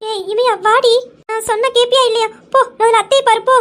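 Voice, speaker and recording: Brief: a chatty, teasing teen girl, played by a woman, very high-pitched. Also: steady tone, a little fast, fairly bright tone. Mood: bossy. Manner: chatty, cheeky, bossy. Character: playful teasing teenage sister.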